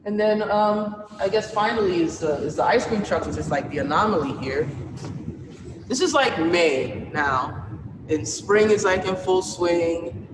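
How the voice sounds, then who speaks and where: A woman's voice: lowish voice, expressive, unhurried, background noise. A woman from New York, an exhibiting artist, talking loosely about her work, with a lot of filler words. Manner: loose, rambling, heavy with fillers. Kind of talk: casual gallery talk. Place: art gallery, indoors. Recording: echoey hall from far off.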